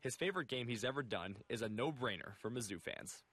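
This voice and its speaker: A young man reading a scripted television news report in a measured way. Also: mid-range voice, expressive, heavy background noise. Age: young adult.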